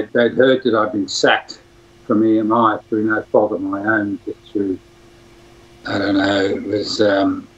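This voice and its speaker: An older Australian music producer reminisces in a rambling phone interview, restarting his sentences many times. His voice is husky and on the low side, heard over a phone line with dull lo-fi audio.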